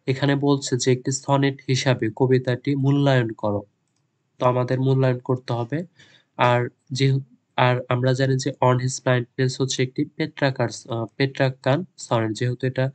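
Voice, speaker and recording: Slow, flat-voiced male tutor. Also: medium pitch. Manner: dictates English answers word by word, then explains in quick Bengali. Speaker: teacher. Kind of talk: exam lesson, reading English slowly and explaining in Bengali.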